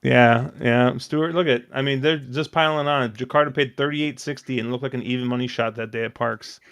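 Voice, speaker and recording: A man hosting a casual podcast, telling long, excitable stories full of fillers and restarts. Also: mid-range voice, fairly quick, vocal fry, smooth, dry recording, studio quality. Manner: rambling, excitable storytelling with many fillers. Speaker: podcast host.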